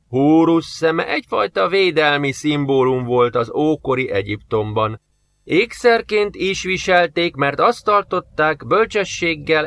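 Guy putting on a high, slow know-it-all old professor type, dry close sound. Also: a bit bright, no room sound. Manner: lecturing, drawn-out, high-pitched. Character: fussy old male scientist, condescending.

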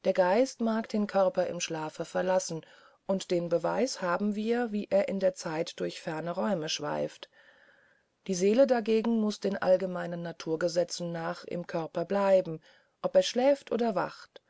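A woman voicing an earnest male scholar's assistant who speaks in a dry, measured, lowered voice. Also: creaky, warm tone, no room sound. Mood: grave, hushed.

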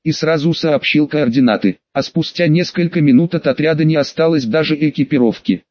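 Male narrator, first-person fantasy audiobook, steady, matter-of-fact, dry booth, lo-fi recording. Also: on the high side, dry recording.

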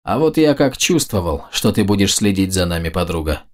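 A man's voice: low voice, very animated, a little fast. A man voicing a sardonic, cocky male game character who teases and mocks. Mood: mocking. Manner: mocking, teasing.

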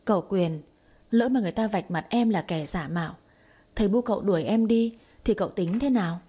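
A woman reading the part of a bold, scheming young wife who scolds quickly and mockingly, in an audio story. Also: mid-range voice, mellow, slightly rough, close to an everyday voice. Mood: sharp.

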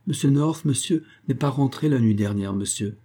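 A man's voice: medium pitch, normal speed, mellow, voice pushed up, lightly acted. A man doing a flustered timid maidservant. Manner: stammering, repeats "monsieur" anxiously. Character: flustered young female servant, timid and deferential.

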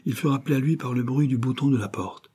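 A man narrating a classic novel as an audiobook, measured and expressive. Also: mid-range voice, slightly rough. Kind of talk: scripted literary narration.

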